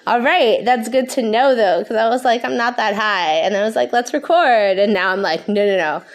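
Casting: woman podcaster, higher-pitched, stoned and rambling, frank and sweary in a casual solo monologue. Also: moderate pace. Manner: stoned, rambling, losing her thread. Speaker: podcast host.

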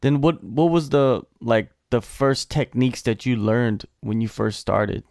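Relaxed male interviewer. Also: mid-range voice, measured pace, vocal fry, dry recording, clean studio sound. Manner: relaxed, conversational questioning. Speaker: interview host. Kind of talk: casual interview.

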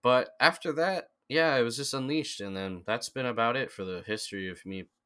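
A man's voice: medium pitch, moderate pace, bright, forceful tone, clear, resonant tone. A young man in casual conversation as a podcast guest, rambling with lots of fillers and restarts. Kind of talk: casual chat.

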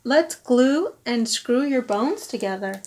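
A woman's voice: a little high, lively intonation, slow pace, a little mellow. A woman reading the lines of a helpful male monster friend in a picture book, in her own voice.

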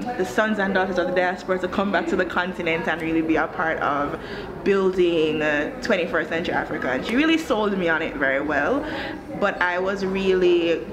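A Jamaican woman in her thirties, country director of an education social enterprise, tells her career story in a conversational interview. She explains things articulately in a lowish voice, with clearly noisy ambient sound in the background.

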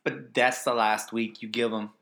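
A man trades fantasy football picks with his co-host in a loose, chatty way. His voice is bright and clear at an ordinary middle pitch. He drifts into jokey asides, then rattles off stats. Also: level tone, normal speed. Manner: joking, trails off into asides, quotes stats. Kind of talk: casual sports chat.

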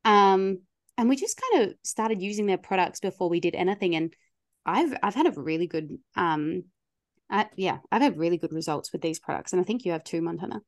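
A woman's voice: lowish voice, animated, fairly quick, no echo, studio quality. A woman co-hosting a casual podcast, rambling a little with lots of "like" and "um". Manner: rambling, many fillers like "like" and "um". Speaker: podcast co-host.

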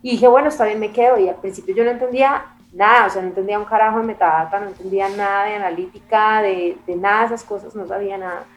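Guesting on an interview, a music and culture magazine editor from Bogotá talks quickly, with hardly any pauses, in a medium-pitched voice with fairly even intonation and a Colombian capital accent. She's casual, reflective and emphatic, repeating phrases to stress them, and the sound is lo-fi.

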